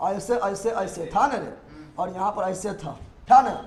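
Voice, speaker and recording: A man's voice: high-pitched, animated, a little slow, a little mellow. A man teaching a classroom biology lesson, firing questions at the class and repeating each term over and over. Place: classroom with students.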